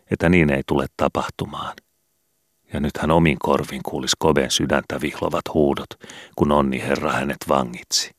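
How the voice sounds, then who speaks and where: A man reading a children's book aloud in calm, measured scripted narration. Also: rumbling low, no echo, clean studio sound. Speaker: audiobook reader.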